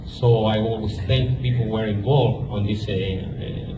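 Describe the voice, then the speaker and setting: Chilean man speaking earnestly at a loud event. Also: on the low side, steady tone. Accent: Chilean Spanish. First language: Spanish. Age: 50s. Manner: earnest, halting, with frequent restarts. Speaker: artist presenting his book. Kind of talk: speech to an event audience. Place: historic mansion event space. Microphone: handheld microphone. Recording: distant, echoey, dull sound with loud music.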